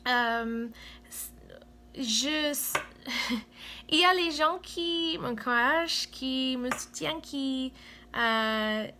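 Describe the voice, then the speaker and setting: A woman with a Cameroonian-American accent speaks slowly in a fairly high voice, stopping often to hunt for words. She addresses her viewers in a friendly, self-deprecating tone. A faint hum sits behind her. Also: bright, forceful tone. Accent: Cameroonian-American French. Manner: hesitant, searching for words, many fillers. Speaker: vlogger. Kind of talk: casual chat to viewers. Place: home.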